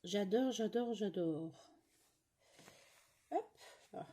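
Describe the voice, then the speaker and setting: Husky chatty woman grumbling at home. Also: medium pitch, expressive, very slow, dark tone. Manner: chatty, grumbling, lots of fillers and asides. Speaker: cross-stitch vlogger. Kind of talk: casual chat while stitching.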